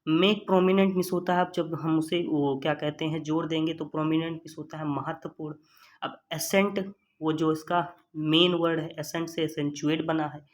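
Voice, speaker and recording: A man's voice: fairly high pitch, fairly even intonation, normal speed. A man teaching an exam-prep vocabulary lesson. He explains patiently, spells words out letter by letter, and keeps checking in with "okay" while calling viewers his friends. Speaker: vocabulary tutor.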